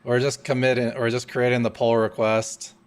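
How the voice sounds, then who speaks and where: A man's voice: mid-range voice, little pitch movement, normal speed, crowd noise. A young man hosting a live coding stream, chatting casually, thinking aloud and laughing often.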